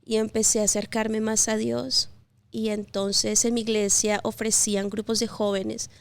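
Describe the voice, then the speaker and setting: A woman in her thirties from Colombia, telling her life story as an interview guest in a gentle, reflective way with pauses and fillers. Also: a little high, flat delivery, creaky. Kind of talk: personal testimony interview.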